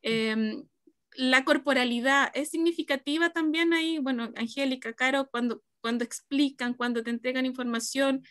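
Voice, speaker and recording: A woman's voice: sits high, a bit bright, dry recording, studio quality. A woman moderating an academic panel, reflecting aloud before putting her questions to the guests. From Chile. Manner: reflective, asks questions, gestures a lot.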